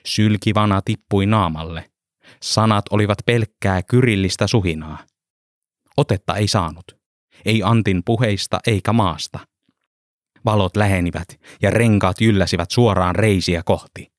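A man narrating an audiobook story in a steady, matter-of-fact way. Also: on the low side, dry recording, clean studio sound.

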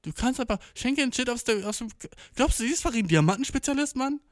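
A man's voice: very high-pitched, lively intonation, quick pace, no echo. Slangy young man, dry close sound. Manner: slangy, blunt, sprinkles in English words. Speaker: commentator. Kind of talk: casual reaction to a read-out story.

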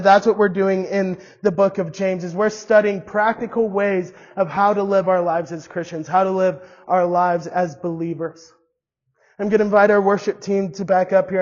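Young guy preaching, high voice, lots of questions, dull muffled sound, long echo like a big hall. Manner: earnest, asks many rhetorical questions. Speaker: pastor. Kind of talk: sermon. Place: church hall.

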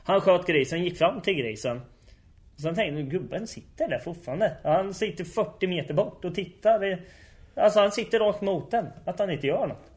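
A man casually telling hunting stories, a lively storyteller who uses lots of fillers. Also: high voice. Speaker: hunt organizer telling stories.

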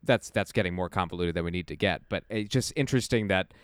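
A man's voice: deep voice, fast talker, clear, resonant tone, no room sound, studio quality. A man co-hosting a podcast in casual chat, thoughtful and easygoing. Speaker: podcast co-host.

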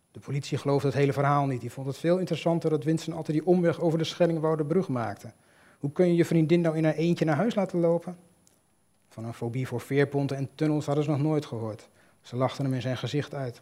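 A man calmly reading a literary short story aloud in a measured, storytelling way. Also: mid-range voice. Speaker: reader. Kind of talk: scripted narration of a short story.

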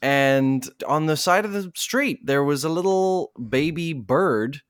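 A man's voice: on the high side, lively intonation, clear, resonant tone, no echo, studio quality. A man co-hosting a podcast, telling a rambling, self-mocking story in casual chat. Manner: rambling, self-mocking anecdote with quick asides. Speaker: podcast co-host.

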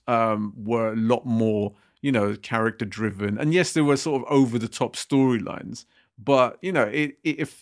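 A man co-hosting a laid-back podcast chat, his voice gravelly with fry. He rambles through his points with plenty of fillers, often breaking into laughter. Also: medium pitch. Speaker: podcast co-host. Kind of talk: casual chat.

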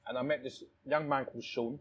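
A man's voice: medium pitch, fairly even intonation, a little fast, fairly bright tone, highs cut off, slight background noise. A man from Thailand who owns a restaurant, talking in a casual interview with many restarts and "you know"s. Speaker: restaurant owner. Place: his restaurant, indoors.

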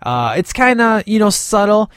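A man's voice: high-pitched, very animated, moderate pace, fairly bright tone, clean tone, no echo, clean studio sound. A man hosting a podcast, rambling enthusiastically through a casual movie review and talking straight to his listeners. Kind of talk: casual chatty monologue.

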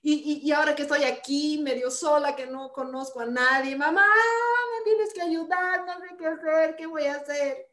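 A woman's voice: sits high, little pitch movement, brisk, hardly any pauses, reverberant, lightly acted. A woman playing an anxious young daughter who pleads with her mother and keeps calling "mamá". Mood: tearful distress.

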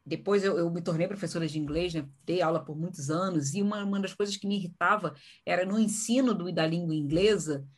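Woman just chatting, animated, throws in quick voices for people she quotes. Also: lowish voice, breathy edge. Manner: animated, acts out lively voices when quoting people. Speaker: podcast host and event presenter. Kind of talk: casual conversation.

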